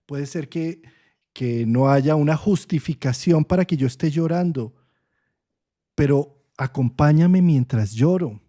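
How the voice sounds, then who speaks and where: Mellow-voiced man explaining with frequent checks. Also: a little high, unhurried. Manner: frequent "¿sí?" checks, thoughtful and expressive. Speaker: astrologer. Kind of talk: conversational explanation in an online talk.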